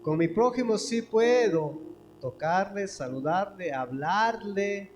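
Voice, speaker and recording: A man's voice: high voice, lively intonation, slow, lo-fi sound. A man with an Ecuadorian accent preaching a sermon as pastor, asking many rhetorical questions one after another. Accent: Ecuadorian Spanish. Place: church hall. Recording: echoey church hall with faint background noise.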